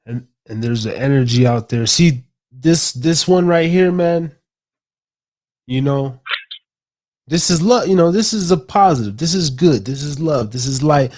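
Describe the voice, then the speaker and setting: A young man hosting a casual late-night podcast, rambling and excitable, swearing freely and calling his guest bro. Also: on the high side, a little slow. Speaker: podcast host.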